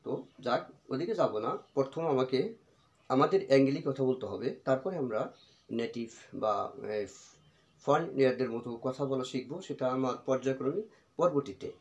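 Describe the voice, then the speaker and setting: A middle-aged man teaching English, drilling example phrases slowly and repeating each with its translation. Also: medium pitch, a little mellow, dull audio. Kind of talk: spoken English lesson in Bengali. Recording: echoey room.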